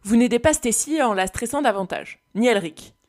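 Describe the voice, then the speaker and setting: A woman's voice: fairly high pitch, animated, moderate pace, a little mellow, close to an everyday voice. A woman reading aloud and voicing a stern young woman who gives curt orders. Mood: commanding. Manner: curt, orders given firmly.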